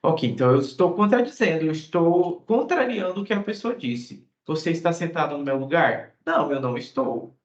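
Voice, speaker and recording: A man's voice: a little high, lively intonation, echoey room, dull audio. A Brazilian man with a Brazilian Portuguese accent teaches an English lesson, explaining step by step and checking with short tag words. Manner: acts out short example dialogues, reading English phrases slowly.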